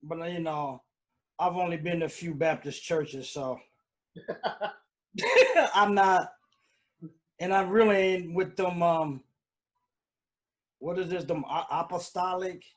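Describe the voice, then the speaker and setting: A man with a slightly higher voice hosts a casual live stream from home. He rambles along loosely, full of fillers and restarts, talking into a computer mic. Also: slow, pauses often. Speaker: host.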